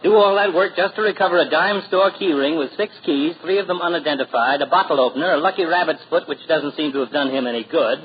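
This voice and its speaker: An actor playing a pompous, sardonic family doctor in a 1940s radio comedy. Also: male voice, on the high side, fast, few pauses, natural voice. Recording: muffled, very noisy 1940s radio recording.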